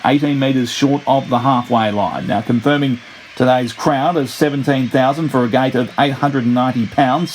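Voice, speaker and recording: A man's voice: medium pitch, a little hiss or hum, rough recording. A man commentating on a rugby match play-by-play in the formal, descriptive style of an old-time radio sports announcer. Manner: formal, descriptive play-by-play that builds to excited calls.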